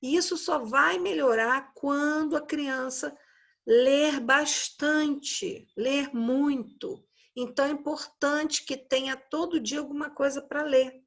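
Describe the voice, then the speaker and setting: A Brazilian woman teaching a recorded class to young children, explaining slowly and patiently and often tagging her sentences with a questioning "né?". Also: high voice, steady tone, vocal fry, a bit bright. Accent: Brazilian Portuguese. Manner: slow, patient, explanatory, frequent "né?" tags. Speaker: schoolteacher.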